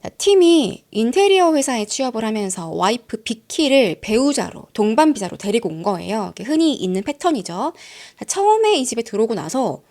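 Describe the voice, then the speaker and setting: A woman storyteller with a fairly high voice, telling a true-crime story in a casual, chatty way. Her pitch moves a lot as she speaks straight to her listeners. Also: very animated, moderate pace, hardly any pauses, a little mellow. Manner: chatty, addresses listeners directly. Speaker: storyteller host.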